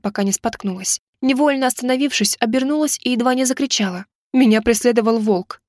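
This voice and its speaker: A woman reads a first-person audiobook with expressive storytelling. Her voice sits a little high and is recorded close and dry. The narration has a lively, engaged tone. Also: no room sound.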